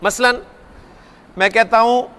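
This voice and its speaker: A man with a strikingly high voice teaches a grammar lesson. He walks through each rule step by step, says the key points twice and stops to ask the class questions. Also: fairly even intonation, slow, pushed and bright. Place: classroom or studio lecture.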